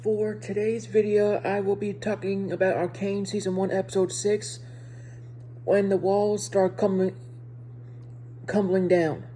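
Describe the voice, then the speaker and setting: A video reviewer casually discusses a show for her viewers in a soft-edged, mellow voice at a middle pitch for a woman. Her speech impediment makes her halting, and she often repeats or rewords phrases. Her tone stays level, with a little hiss or hum in the recording.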